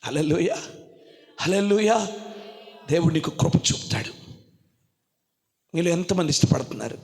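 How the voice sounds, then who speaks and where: A man preaching a sermon as a pastor with a Telugu accent, swinging from hushed pleading to shouted exhortation. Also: on the high side, expressive, normal speed, creaky, in a large hall.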